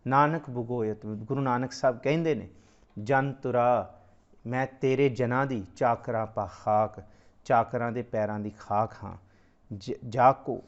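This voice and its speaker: Guy teaching scripture, chants verses slow then explains, kinda muffled lo-fi sound. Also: medium pitch. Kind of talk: religious discourse.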